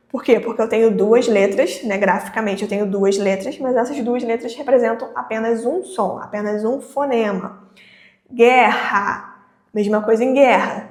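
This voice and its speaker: A woman teacher explaining Portuguese phonetics in a lesson, slowly drawing out each example word. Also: fairly high pitch, echoey room. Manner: slow, drawn-out pronunciation of example words. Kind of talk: online grammar lesson.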